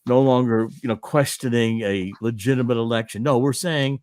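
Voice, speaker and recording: A man's voice: mid-range voice, steady tone, darkish tone, no room sound. Earnest male guest, dry close sound. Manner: earnest, insistent, halting. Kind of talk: interview on a talk show.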